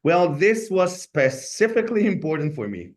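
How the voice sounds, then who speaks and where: A law school staff member from Colombia, a native Spanish speaker with a Colombian Spanish accent, gives an informational webinar talk. His voice is fairly high and sing-song at a moderate pace, and he sounds earnest, often closing his points with "right?".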